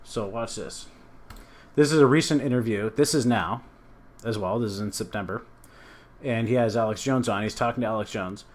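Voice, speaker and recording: A man's voice: fairly low pitch, normal speed, darkish tone. A man hosting a casual news commentary show, talking in a loose, rambling way with frequent restarts. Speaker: show host.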